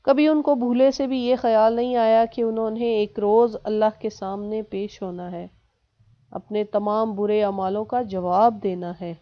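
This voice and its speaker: A woman teaching a lesson, reciting verses and then translating and explaining them slowly. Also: medium pitch, lo-fi sound. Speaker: Quran teacher.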